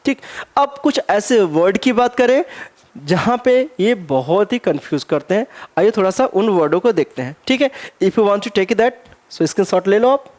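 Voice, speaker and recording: A man teaching an exam-prep grammar lesson. He spells words out slowly letter by letter, keeps asking himself rhetorical questions and slips English phrases into his explanations. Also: high voice, expressive, darkish tone.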